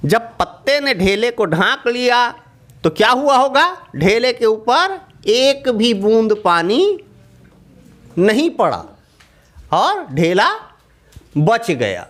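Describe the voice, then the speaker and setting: A man telling a children's story in a strikingly high voice. He speaks slowly, with lively swings in pitch, and keeps asking his young listeners questions.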